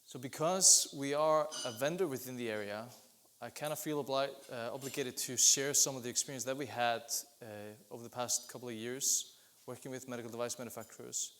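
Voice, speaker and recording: Guy presenting at an industry conference, mid pitch, steady explaining tone, restarts now and then. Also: brisk, slight background noise. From Iceland. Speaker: business development lead presenting at an industry event.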